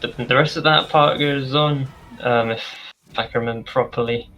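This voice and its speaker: A man's voice: medium pitch, fairly even intonation, normal speed, sharp tone, dull audio. A man co-hosting a casual podcast, laid-back and chiming in with corrections. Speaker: podcast co-host. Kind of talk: casual chat.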